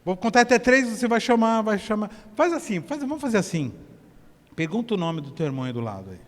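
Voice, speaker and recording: A Brazilian man preaching a sermon at a church service, swinging from hushed to loud as he directs the congregation. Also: high voice, very animated, fast talker, big-room sound. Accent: Brazilian Portuguese. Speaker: pastor.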